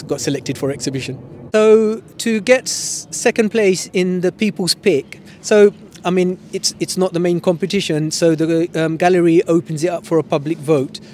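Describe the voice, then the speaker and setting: London-bangladeshi guy in his 40s, lots of ums, bit high voice, faint traffic hiss behind. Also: darkish tone. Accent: East London English with Sylheti Bengali. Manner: hesitant, many ums, switches between English and Sylheti. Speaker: photographer. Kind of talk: news interview.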